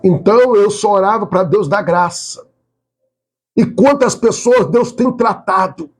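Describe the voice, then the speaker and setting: A male pastor leading a live prayer, pleading fervently, with loud high cries and quiet murmurs in between. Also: a little slow.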